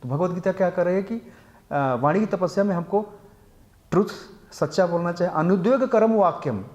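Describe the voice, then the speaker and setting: The recording is lo-fi, and the man's voice is high-pitched and a little mellow. Leading a temple scripture class, he chants Sanskrit verses slowly, explains their meaning, poses rhetorical questions, and switches between Hindi and English words.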